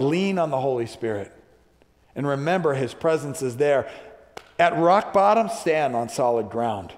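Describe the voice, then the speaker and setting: A male pastor delivering a sermon, building to emphatic repeated calls to the congregation. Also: mid-range voice. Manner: preaching with rising emphatic repetitions. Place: church sanctuary. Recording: long church hall reverb.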